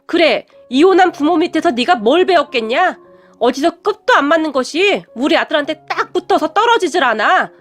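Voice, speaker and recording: Woman playing a haughty middle-aged mother, shouting, contemptuous, high voice, faint music under it. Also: animated, brisk. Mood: angry, scornful. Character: furious snobbish middle-aged mother of a boyfriend.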